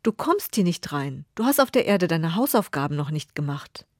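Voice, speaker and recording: A woman voicing a small, gentle angel who speaks softly and patiently. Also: low voice, big pitch swings, normal speed, dry recording, clean studio sound. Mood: gently firm. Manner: soft, patient, sometimes whispered.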